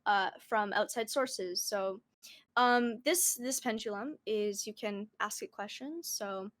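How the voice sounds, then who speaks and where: A woman's voice: medium pitch, slow, a bit bright, no room sound. A young adult woman in casual, slangy conversation as a guest streamer, speaking from a small room at home. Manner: informal, slangy. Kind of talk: casual chat.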